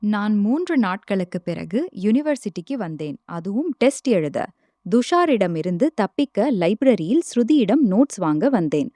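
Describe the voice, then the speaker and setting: A woman's voice: mid-range voice, sing-song, moderate pace, dark tone, no room sound. A woman narrating a first-person romance story, reading every character's lines in her own voice.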